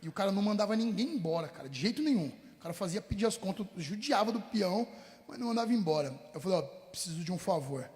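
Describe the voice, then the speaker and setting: A man's voice: high voice, lively intonation, fast, a little mellow, big-room sound. A man, a rapper telling his life story in an interview, full of street slang and acting out old conversations, sometimes choking up. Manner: street slang, acts out past dialogues, chokes up at times. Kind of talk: emotional personal testimony in an interview.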